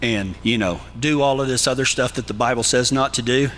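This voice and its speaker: This cowboy preacher from Texas has a medium-pitched, fairly bright voice and a brisk delivery. In his Texan accent he gives a folksy sermon of numbered tips, talking plainly and humorously to listeners. A little hiss or hum can be heard.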